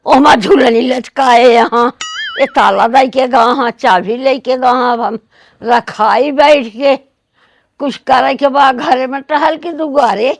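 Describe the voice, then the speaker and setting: An annoyed village woman acted by a woman in a comedy sketch, muttering complaints slowly in a high voice. She has an Awadhi accent, and the sound is dry. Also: no room sound, heavily acted. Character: annoyed village woman waiting at a locked door.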